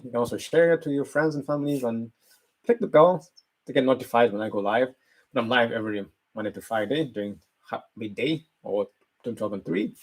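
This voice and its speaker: A man's voice: mid-range voice, husky, rough recording. A man hosting a live motivational stream, talking earnestly and repeating his key points. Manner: earnest, repetitive, lively shifts in loudness. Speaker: motivational channel host.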